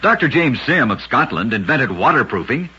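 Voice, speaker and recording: A very animated male voice of medium pitch, bright and pushed with a breathy edge, speaks at a normal speed. The American man is a radio host narrating short true oddities, reading a vintage-style script with a dramatic storyteller delivery. The recording is dull and lo-fi, like vintage radio.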